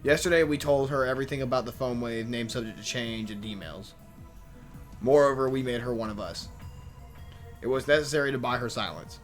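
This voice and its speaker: A man's voice: mid-range voice, fairly quick, soft background music. A man reading a visual novel aloud as a let's play host, tripping over words, restarting lines and muttering complaints between them. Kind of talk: reading game text aloud with casual asides.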